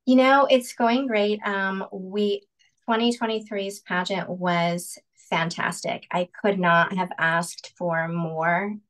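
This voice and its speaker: A woman's voice: mid-range voice, steady tone, slow, fairly bright tone, low-quality recording. A woman in her forties, a pageant director, talking earnestly and reflectively on a video call, with many ums. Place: home room indoors.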